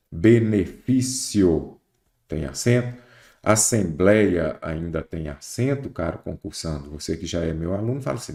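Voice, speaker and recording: A man's voice: deep voice, a little mellow, reverberant. A Brazilian man teaching an exam-prep lesson, explaining step by step and putting questions to the listener. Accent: Brazilian Portuguese. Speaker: Portuguese teacher.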